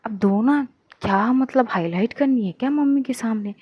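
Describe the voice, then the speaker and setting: A woman's voice: fairly high pitch, moderate pace, darkish tone, breathy edge, no echo. A woman voicing a teasing, coaxing young policewoman. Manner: pleading, teasing, insistent.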